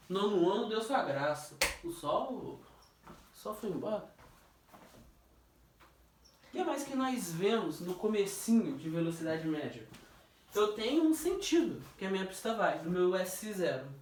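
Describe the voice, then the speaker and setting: A male physics teacher giving a relaxed, joking review and quizzing a student. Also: high voice, a little hiss or hum. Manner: jokey, questioning, drawn-out stressed words. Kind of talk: informal classroom review. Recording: echoey room, distant mic.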